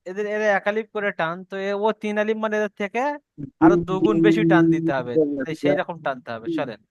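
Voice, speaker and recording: A man's voice: sits high, fairly even intonation, brisk, no echo, muffled recording. A man teaching an online Quran reading class in Bengali, patient and drilling with call-and-repeat.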